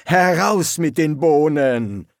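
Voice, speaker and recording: Guy reading as a gloomy vampire soldier, cold and slow, voice swings up and down a lot, dry close sound. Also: mid-range voice, lively intonation, no echo. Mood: menacing. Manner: clipped and cold, turning wild and shouting. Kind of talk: audiobook character voice.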